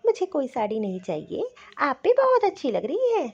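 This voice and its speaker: A woman's voice: sits high, huge pitch swings, normal speed, a little mellow, highs cut off, exaggerated voice. A woman voicing a friendly young college-going sister-in-law who sweetly compliments her brother's new wife.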